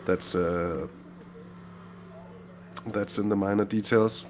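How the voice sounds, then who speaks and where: A man doing live commentary on a sim race, chatty and quick to laugh, who often trails off mid-sentence. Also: lowish voice, fairly even intonation, slight background noise. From Denmark. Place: at home in a sim racing rig.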